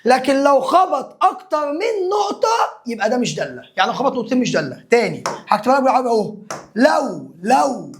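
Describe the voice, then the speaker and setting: A man with an Egyptian accent teaching a math lesson to secondary students. He is animated and teasing, speaks straight to the student, and makes sound effects as he draws. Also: very high-pitched, quick pace. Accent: Egyptian Arabic.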